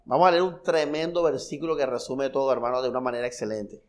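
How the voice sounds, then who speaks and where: A man from the preaching a sermon. He speaks with fervent repetition, asks the congregation rhetorical questions, and swings between soft, low passages and loud, high bursts. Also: steady tone, quick pace. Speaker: pastor. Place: church hall.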